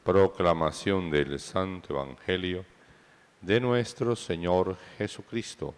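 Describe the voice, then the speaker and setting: A man serving as priest, reading the Gospel and preaching slowly and deliberately in a large church with a cathedral echo. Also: deep voice, smooth. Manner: slow, measured proclamation. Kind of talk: liturgical reading and homily. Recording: long church reverb.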